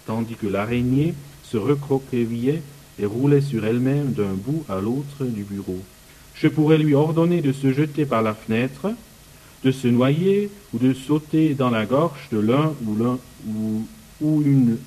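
A man reads passages from a book and breaks off to explain them in his own words. His delivery is halting, with frequent pauses while he searches for the right word. His voice sits at an ordinary pitch for a man. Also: mellow, rough recording. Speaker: speaker commenting on a book. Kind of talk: reading passages aloud and commenting.

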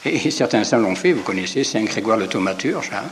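A man's voice: lowish voice, animated, brisk, slight background noise. A man preaching in an informal, conversational way, retelling a scripture story with frequent asides and repeated words. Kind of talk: informal sermon retelling the Gospel.

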